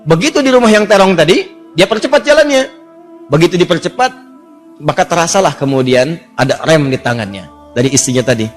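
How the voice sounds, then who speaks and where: Animated preacher telling a story. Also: male voice, brisk, faint music behind. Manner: lively, jumps to high voices for characters, asks the audience questions. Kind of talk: storytelling sermon.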